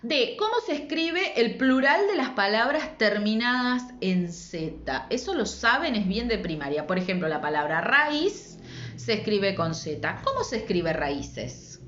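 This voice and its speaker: A woman's voice: mid-range voice, sing-song, unhurried, fairly bright tone, slight background noise. A woman teacher with an Argentine Spanish accent, explaining spelling rules in a patient, didactic way and checking in with rhetorical questions. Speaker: secondary school language teacher. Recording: echoey room, dull lo-fi sound.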